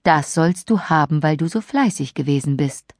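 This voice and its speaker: A woman doing kindly old magic lady in fairy tale narration, reassuring, lively intonation, dry recording. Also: deep voice, moderate pace, no echo. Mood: approving.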